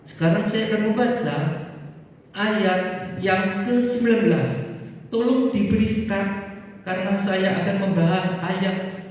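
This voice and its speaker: A man preaching a sermon as pastor, with fervent emphasis that climbs to high peaks. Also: a little slow, long pauses. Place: large church hall. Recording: echoey church hall, distant mic, faint noise.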